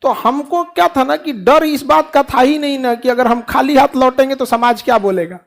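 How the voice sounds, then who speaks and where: A man's voice: very high-pitched, normal speed, creaky, a bit bright. Joking, folksy man. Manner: folksy, joking, asks the class questions and answers them himself. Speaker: teacher giving a motivational talk. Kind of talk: lively classroom motivational speech. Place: classroom.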